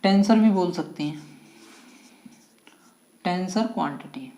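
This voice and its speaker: A woman. She repeats each key term several times and keeps asking quick questions to check along. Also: on the low side, mellow. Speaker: physics teacher. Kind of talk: classroom-style physics lesson.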